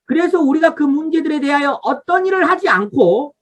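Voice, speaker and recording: Leading an online revival Bible study over a video call, a woman pastor teaches from a study guide, points out what listeners should underline, and invites the congregation to respond. Her voice sits high and sounds animated, moving a little fast.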